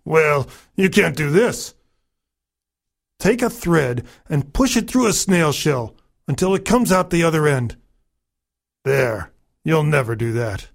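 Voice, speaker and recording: A man voicing a cruel male overlord in a folktale, dropping low and slow to threaten. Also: lively intonation, creaky, exaggerated voice. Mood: scornful.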